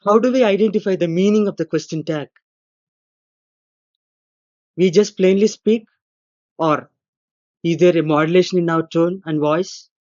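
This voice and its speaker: A man, a lecturer giving a recorded grammar lesson, explaining slowly and deliberately and acting out the intonation of his examples. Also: sits high, a little mellow, muffled recording. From India. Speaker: English lecturer.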